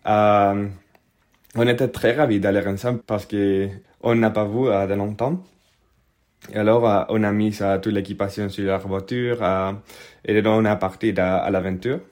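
A young man from Spain tells a casual anecdote in French, his Spanish accent plain throughout. His voice sits a little low. He often pauses with fillers and restarts while hunting for the right French word. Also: a little mellow. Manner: hesitant, searching for French words with frequent fillers. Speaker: guest telling a personal story.

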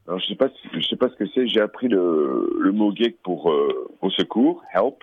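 A man's voice: low voice, very animated, normal speed, husky. A man phoning into a radio show, staying in character as a game explorer and talking in a hesitant, distracted way while commenting on what he sees. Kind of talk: in-character phone chat. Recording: tinny phone line.

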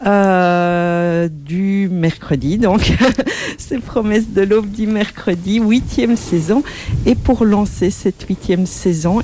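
Woman radio host: unhurried, mellow tone, faint noise behind, friendly intro style. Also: mid-range voice. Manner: slow, friendly, with fillers. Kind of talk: radio interview.

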